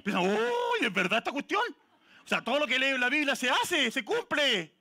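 A man with a Chilean Spanish accent preaching a sermon in church, lively and joking with the congregation and calling people by name. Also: very high-pitched, fairly quick. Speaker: pastor.

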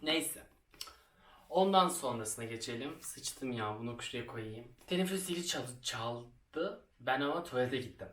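A man's voice: medium pitch, lively intonation, measured pace, background noise. A young man vlogging while he makes a craft project, telling a school story in a chatty, self-mocking way and laughing often. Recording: roomy, somewhat distant from the mic.

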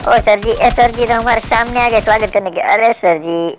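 A man's voice: high voice, moderate pace, a little hiss or hum, poor audio. A man giving comedic commentary over mobile game footage, playful and teasing, mock-polite toward the opponents he trolls. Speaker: gaming channel host.

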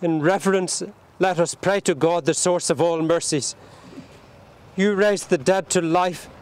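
Solemn, clear-voiced priest at a graveside. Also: male voice, high voice, darkish tone. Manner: solemn, measured recitation. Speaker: priest leading a burial. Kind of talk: liturgical graveside prayer. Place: outdoors at a cemetery grave.

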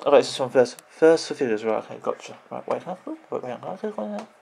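Sitting indoors at his computer, a video game vlogger in his thirties rambles off the cuff, constantly restarting and dropping "you know"s. His croaky, mid-range voice is very animated and quick, though a little mellow.

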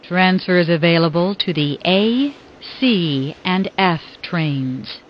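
Woman announcer heard over a train loudspeaker, slow and lilting, muffled sound. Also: lowish voice, expressive, a little hiss or hum. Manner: measured, evenly spaced phrasing. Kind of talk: automated transit announcements. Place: inside a subway car. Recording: muffled train speaker audio.

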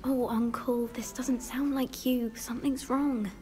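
A woman's voice: a little high, steady tone, measured pace, faint music behind, natural voice. A woman voicing a kind, polite young witch student in a video game. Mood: worried. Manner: polite, gentle.

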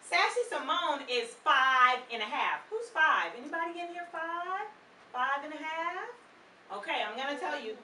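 A middle-aged woman with a voice that sits high presents one of her children's books in a library children's room, speaking at a moderate pace. She keeps the young audience engaged with questions and word repetition, all very animated. The recording comes from a far camera, so it sounds distant and echoey, with kids and room ambience around her.

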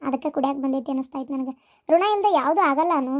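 Lady doing a gentle kind young cartoon mom, north karnataka accent, very high voice. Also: fast talker, close to an everyday voice. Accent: North Karnataka Kannada. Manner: gentle, earnest. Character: kind young mother Anu, warm-hearted.

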